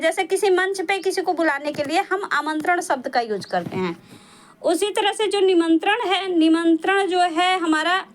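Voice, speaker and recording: A woman with a high, light voice gives an exam-prep lesson on Hindi spelling. She explains patiently, stopping often and filling the gaps with small hesitations. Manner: patient, explanatory, with frequent pauses and fillers. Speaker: Hindi teacher.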